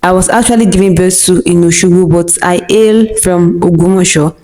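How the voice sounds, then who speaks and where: A young Nigerian woman with a Nigerian accent who reads her viewers' questions aloud and answers them slowly and deliberately, with short laughs between answers. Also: lowish voice, fairly even intonation, warm tone, low-quality recording. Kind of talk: scripted question-and-answer monologue.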